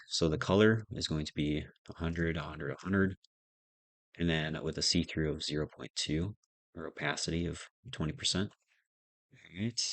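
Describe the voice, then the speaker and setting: A man with a very low, gravelly voice talks through a coding tutorial as he types. He thinks aloud and mutters to himself. The sound is dry and close, with no room around it. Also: a bit bright, no room sound. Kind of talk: casual live coding narration.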